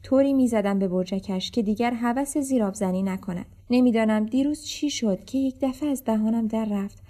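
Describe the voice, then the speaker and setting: A woman reading a children's story aloud in the first person, lively and expressive. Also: on the high side. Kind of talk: storybook narration.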